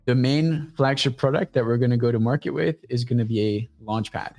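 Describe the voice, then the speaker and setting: A man talking as a guest on a casual livestream show, pitching his startup in a blunt, profane, energetic way. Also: brisk, creaky, soft background music.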